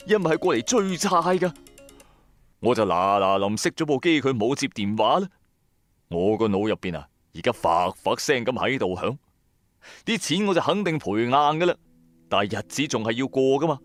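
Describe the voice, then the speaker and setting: A man with a mid-range, fairly everyday voice plays a bankrupt electronics trader in a radio drama, serving as the lead and first-person narrator. The character is hard-pressed, hot-tempered and streetwise, telling his story in a colloquial, emphatic way. Music runs beneath his voice.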